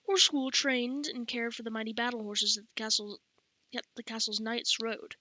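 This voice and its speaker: A woman narrating an audiobook in a bright, forward voice, pitched a little high. She catches her reading slips and corrects them aloud, all recorded close and dry. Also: fairly even intonation, moderate pace, dry recording, poor audio. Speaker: audiobook reader.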